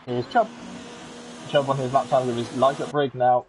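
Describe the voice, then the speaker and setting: A man giving live commentary on a racing league, excitable and chatty with joking asides. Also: mid-range voice, moderate pace. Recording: game engine noise under the voice. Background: racing car engine sounds from the game.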